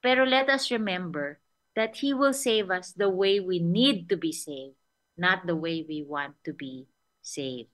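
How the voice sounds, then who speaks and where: A woman's voice: on the low side, slow pace, fairly bright tone. A woman pastor with a Filipino accent giving a conversational sermon, often checking in with her listeners. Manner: conversational, mixing English and Tagalog, checks in with "okay?".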